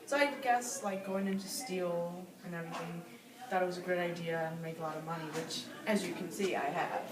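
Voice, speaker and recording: A woman's voice: on the low side, steady tone, brisk, natural voice. A woman playing a boastful, defensive male steel tycoon in an amateur interview skit, answering with defiant rhetorical questions. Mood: smug. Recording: echoey distant room recording with crowd chatter.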